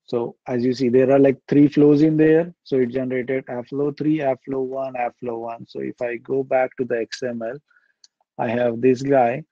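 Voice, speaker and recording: A young man presenting a live software demo at a meetup over a video call, talking casually and thinking aloud with fillers. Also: medium pitch, vocal fry, no room sound, highs cut off. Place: indoor room.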